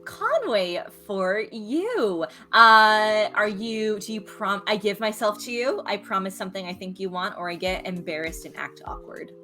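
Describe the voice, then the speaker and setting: A woman's voice: medium pitch, expressive, unhurried, hardly any pauses, bright, forceful tone. A woman running a tabletop role-playing game as game master, explaining the rules and laughing easily.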